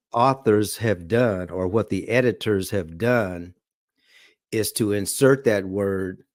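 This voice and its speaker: Teaching a Bible study lesson, a man with a lowish voice reads scripture slowly and keeps checking in with "okay?" and "all right?" The sound is studio quality, with no room sound.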